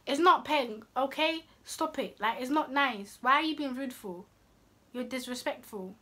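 Young woman vlogger, high voice, sassy, playful delivery. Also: a little slow, bright, forceful tone. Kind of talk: casual talk to camera.

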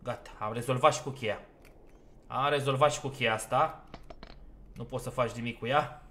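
A man's voice: medium pitch, steady tone, a bit bright. A man giving let's play commentary on a horror game, talking himself through each step and getting easily exasperated. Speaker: gaming YouTuber.

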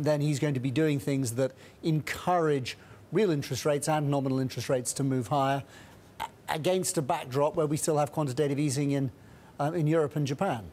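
Speaking on a lapel mic in a TV studio, a middle-aged guest strategist talks briskly in a warm, mid-range voice. His answers are full of restarts and filler words.

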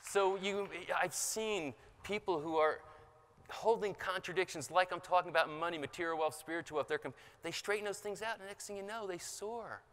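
A man giving an impassioned motivational seminar talk, raising his pitch for emphasis, recorded in a large conference hall. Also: fairly quick, a bit bright. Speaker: seminar speaker. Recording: large hall with long reverb.

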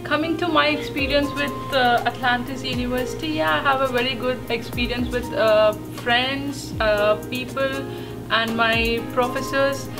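A woman's voice: high-pitched, steady tone, unhurried. A young woman with an Indian English accent, a new graduate giving a hesitant testimonial full of fillers. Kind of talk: testimonial interview. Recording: distant mic, background music.

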